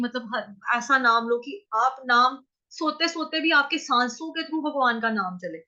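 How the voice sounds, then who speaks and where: A woman teaching how to chant a Sanskrit verse, breaking words into syllables, repeating them slowly and answering her own questions. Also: fairly high pitch, sharp tone, highs cut off. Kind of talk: pronunciation lesson in Hindi.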